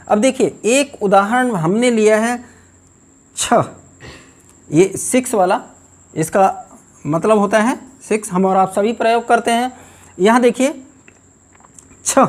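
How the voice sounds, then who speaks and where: A man teaching pronunciation, speaking slowly and emphatically and repeating example words to contrast sounds. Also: high voice. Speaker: Hindi teacher. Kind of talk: pronunciation lesson.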